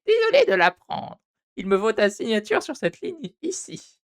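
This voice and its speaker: A man putting on a high cooing receptionist lady. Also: huge pitch swings, moderate pace, exaggerated voice. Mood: sweet. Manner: cooing, calls everyone darling. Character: sugary female cat receptionist in purgatory.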